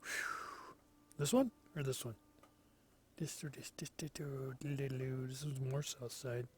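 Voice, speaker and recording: A man giving relaxed solo commentary as he plays, slow and musing, thinking aloud to himself. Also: medium pitch, slight background noise. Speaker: gameplay commentator.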